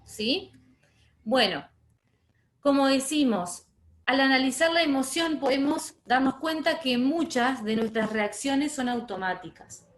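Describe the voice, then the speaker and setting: A woman gives an online training talk in a slightly high voice. She speaks in a measured way, repeating key words and checking in with her listeners. The sound comes through a video call with a roomy echo. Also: expressive.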